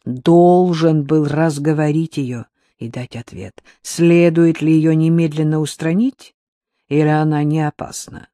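A man's voice: on the high side, steady tone, dark tone, no echo, studio quality, close to an everyday voice. Icy female crime boss, read by a man. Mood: cold menacing. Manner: cold, measured, icily menacing. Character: cold, scheming female crime boss, calm but furious.

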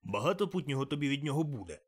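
A man's voice: medium pitch, sing-song, racing, pitched above the performer's own voice. Man reading as a grumbling old miser. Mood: grumbling, curt. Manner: grumbling, curt.

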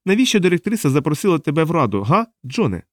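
A man's voice: fairly high pitch, very animated, fast talker, no room sound, clean studio sound, voice pushed up. A man voicing a cold, harsh woman interrogating a prisoner in an audiobook, snapping out commands. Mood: cold questioning. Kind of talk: audiobook character voice.

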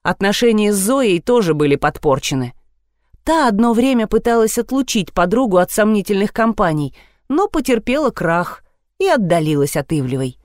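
A woman reading a novel aloud in the first person at a steady, even pace. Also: mid-range voice, normal speed, no echo, clean studio sound. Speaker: audiobook narrator.

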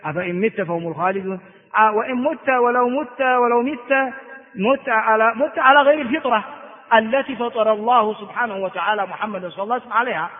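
A man, a sheikh giving a classroom lecture on hadith, explaining slowly and repeating words for stress. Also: extremely high pitch. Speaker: sheikh teaching hadith commentary. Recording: phone-like audio with long hall reverb.

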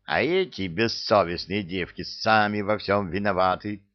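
Grumpy sarcastic cook, read by a man, blunt grumbling, low voice, dull lo-fi sound. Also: a little slow, lightly acted.

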